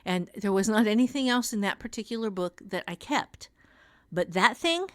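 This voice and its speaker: Her medium-pitched voice has lively intonation and a moderate pace, captured in clean studio sound with no room sound. She's a podcast co-host, an author and teacher, chatting in a frank, emphatic, self-mocking way.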